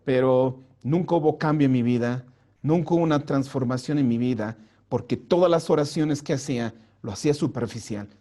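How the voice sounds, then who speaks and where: A male pastor telling his conversion story to a youth group in an earnest storytelling way, dropping soft and slow for prayers. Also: mid-range voice. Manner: earnest storytelling, acts out quoted lines in a raised voice. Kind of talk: personal testimony to a youth group. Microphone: home mic for an online vigil.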